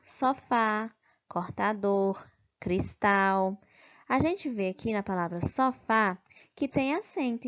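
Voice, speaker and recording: A woman teacher giving a slow, careful grammar review lesson, stressing syllables and checking in with "ok?". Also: on the high side. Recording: dull lo-fi recording.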